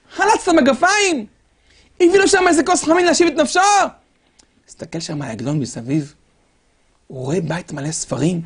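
High creaky-voiced male preacher. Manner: dramatic, rhetorical questions, swings from loud to hushed. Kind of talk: storytelling sermon.

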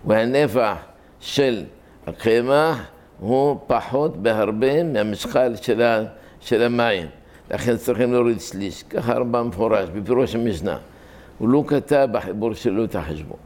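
A man giving a sermon, telling a miracle story and explaining a religious law in a plain-spoken way, with sudden high rises for emphasis. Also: a little mellow. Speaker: religious teacher. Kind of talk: sermon storytelling and halakhic lecture.

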